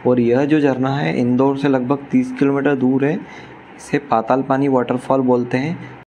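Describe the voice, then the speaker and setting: A man's voice: mid-range voice, level tone, moderate pace, background noise. Chatty young male travel vlogger. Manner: chatty, enthusiastic, addresses viewers as brother. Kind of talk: casual travel vlog narration.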